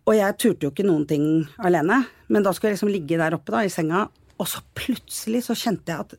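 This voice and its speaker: A Norwegian woman talks on a podcast in a husky, fairly low voice. She tells her story in a lively way and acts out the people in it. The sound is close and dry. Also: no room sound. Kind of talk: casual conversation.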